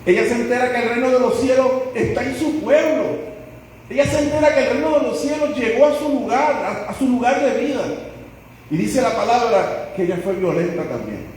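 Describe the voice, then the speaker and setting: A man's voice: extremely high pitch, lively intonation, fairly quick, darkish tone, slight background noise. A man preaching a sermon as pastor, telling the stories dramatically and acting out the people in them. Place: church sanctuary. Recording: echoey church hall, voice from far off.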